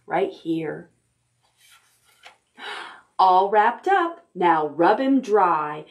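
With a mid-range voice, a middle-aged woman hosts a toddler storytime at the library, reading stories and guiding action rhymes in an exaggerated, sing-song manner. She's in an indoor room decorated with stuffed animals and a painted backdrop. The sound is echoey, with occasional music.

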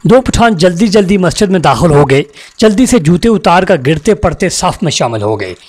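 A man's voice: sits high, sing-song, brisk, a little mellow, a little hiss or hum. A man from Pakistan, reading out jokes with a chuckling delivery. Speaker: joke teller.

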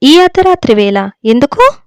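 A woman's voice: high voice, very animated, normal speed, no room sound, studio quality. A woman reading a story aloud, voicing a practical young wife who teases her husband with mild irritation. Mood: teasing. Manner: teasing, irritated. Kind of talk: audiobook storytelling.

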